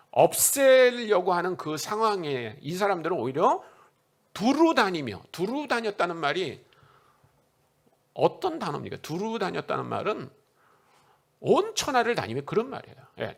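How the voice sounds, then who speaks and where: A middle-aged man, a missionary preacher, giving a conversational sermon in a church and putting questions to the congregation. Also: a little high. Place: church sanctuary.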